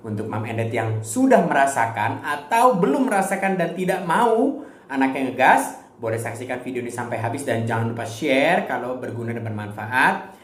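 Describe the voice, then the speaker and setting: A man explains a parenting problem to camera with a lively, swinging delivery, repeating his key words for emphasis. His voice rings in a roomy space with a faint ambient hum behind it. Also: mid-range voice. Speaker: parenting educator. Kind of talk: educational video talk. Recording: echoey room with faint ambience.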